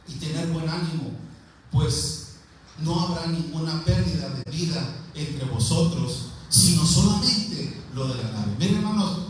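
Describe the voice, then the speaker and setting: A man preaching a sermon in a church, talking earnestly and conversationally and repeating phrases for emphasis. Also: a little high. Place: church sanctuary. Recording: very echoey church room, voice picked up from a distance, faint ambient noise.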